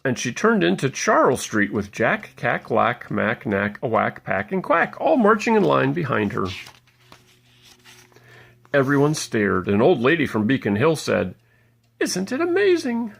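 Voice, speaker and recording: A parent reads a bedtime story aloud, playfully narrating a storybook for small children. His husky, gravelly voice swings lively in pitch as he pauses to point things out.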